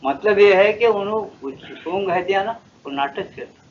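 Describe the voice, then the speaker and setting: An Indian spiritual teacher in his seventies tells devotional tales in a folksy way, checking in with rhetorical questions, his voice sitting fairly high for a man. The recording is dull and lo-fi, with a faint hiss underneath. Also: moderate pace. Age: 70s. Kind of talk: devotional discourse. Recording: dull lo-fi old tape.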